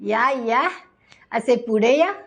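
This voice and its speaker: A woman's voice: fairly high pitch, slow pace. A woman doing a cold mocking villain man. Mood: menacing taunt. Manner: taunting, menacing. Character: cruel male tormentor, cold and mocking.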